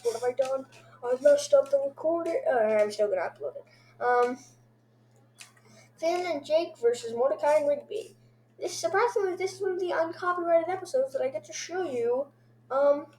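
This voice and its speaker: Excitable woman rambling through episode reviews. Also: fairly high pitch. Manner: excitable, rambling, makes sound effects.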